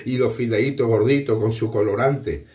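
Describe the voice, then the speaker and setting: A man, co-host of a home cooking show, telling a long joke in a lively way and laughing at his own punchlines. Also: medium pitch, takes it slowly, reverberant, distant mic. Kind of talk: telling a joke, casual kitchen chat.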